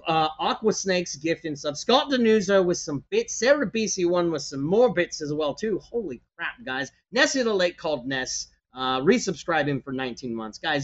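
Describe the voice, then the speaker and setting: Excitable man running a tabletop game. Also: a little high, dull audio. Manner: animated, excitable, quick to exclaim. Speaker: game master. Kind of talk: narrating a tabletop game on a live stream.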